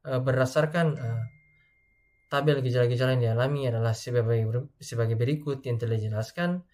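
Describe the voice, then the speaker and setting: A young Indonesian man gives a class presentation as a student, hesitating often, using many filler sounds, and reading through lists of codes. His voice is mid-range, brisk, and somewhat dark in tone.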